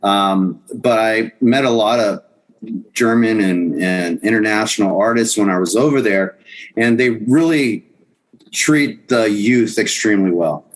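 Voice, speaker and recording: A man's voice: lowish voice, measured pace, poor audio. Rambling middle-aged man telling stories. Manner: rambling, with restarts and chuckles. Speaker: guest musician. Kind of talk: casual storytelling in a podcast interview.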